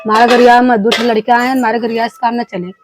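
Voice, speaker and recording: A woman's voice: on the high side, level tone, a little fast, background noise, close to an everyday voice. A woman playing a fed-up village wife in a family skit, scolding and complaining in rustic speech with an eastern Hindi belt, Bhojpuri-Awadhi accent. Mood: reproachful. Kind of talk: amateur family skit dialogue.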